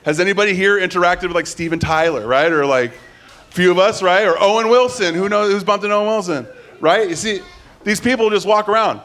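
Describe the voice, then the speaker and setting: A man's voice: high-pitched, fairly quick, fairly bright tone. A man doing casual stand-up storytelling and hosting on stage, acting out bits of dialogue as he goes. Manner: casual, conversational, acts out dialogue. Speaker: comedy open mic host and comedian.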